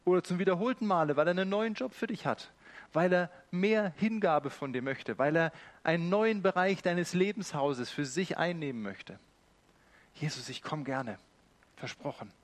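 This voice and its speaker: A man's voice: sits high, animated, moderate pace. A man preaching a sermon as pastor, explaining carefully and then appealing earnestly to his listeners.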